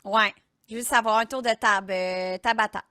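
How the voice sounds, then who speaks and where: A woman's voice: medium pitch, steady tone, normal speed, bright, forceful tone, no room sound, clean studio sound. A woman hosts a live stream, upbeat and encouraging. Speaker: host, streamer.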